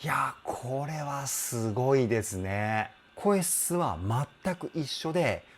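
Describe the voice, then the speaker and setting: A man's voice: medium pitch, animated, takes it slowly, a little hiss or hum. A man working as a vocal coach, reacting to a song and breaking down the singing. He explains with enthusiasm, often exclaims, and adds polite, apologetic asides.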